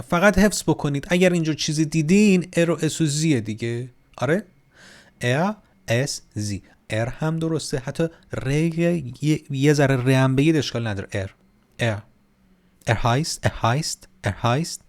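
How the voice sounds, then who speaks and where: A man teaching a casual online German grammar lesson, lively, and repeating words slowly so learners can copy the pronunciation. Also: medium pitch, creaky.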